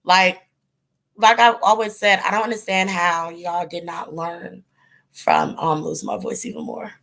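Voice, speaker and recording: On a casual livestream, a tarot channel host chats with viewers in a rambling way, full of ums and likes, as her voice gives out. She speaks a little slowly with a fairly low pitch, fairly even intonation, vocal fry and a fairly bright tone.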